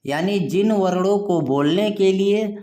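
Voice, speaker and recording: A man teaching a grammar lesson, explaining slowly and patiently and often reminding students to pay attention. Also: high voice, warm tone.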